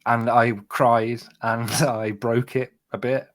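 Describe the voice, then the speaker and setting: A man's voice: medium pitch, level tone, takes it slowly. A man hosting a podcast, chatting casually in a dry, teasing, joking way. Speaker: podcast host. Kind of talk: casual banter.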